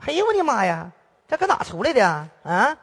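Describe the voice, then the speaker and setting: A woman's voice: a little high, very animated, brisk, slightly rough, long reverb tail, full character voice. A woman with a Northeastern Chinese accent playing a brash, hot-tempered quarrelsome woman in a stage comedy sketch, with a mock-outraged, bickering delivery. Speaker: errenzhuan comic performer.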